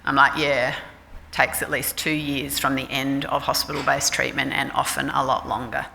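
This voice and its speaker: In a reverberant forum hall with faint ambience and a little hiss or hum, a middle-aged Australian woman who works as a clinical psychologist talks informally, frankly and with self-deprecating humor. Her rumbling low voice is gravelly and sharp, with little pitch movement, at a normal speed.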